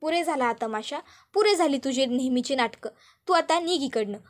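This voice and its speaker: A woman's voice: high voice, expressive, normal speed. A woman voicing an angry young woman who sharply orders another woman out of the house. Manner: sharp, commanding. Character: angry woman scolding a traitor.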